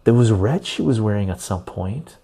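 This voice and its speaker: Guy hosting a casual stream on a clip on lapel mic, dark mellow voice w lots of creak, repeats stuff. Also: fairly low pitch, lively intonation, moderate pace. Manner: conversational, repeats phrases for emphasis. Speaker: live stream and podcast host. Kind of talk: casual live stream sign-off to chat.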